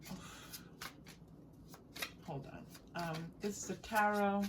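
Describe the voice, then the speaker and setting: A woman hosts a casual, improvised tarot reading, speaking directly to the listener in an encouraging, conversational way. Her medium-pitched voice moves slowly. The mic is distant, picking up faint noise.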